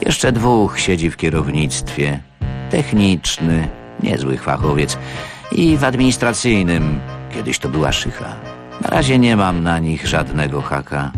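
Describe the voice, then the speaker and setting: An actor reading a blunt, conspiratorial middle-aged male factory party official in a radio story. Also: a bass voice.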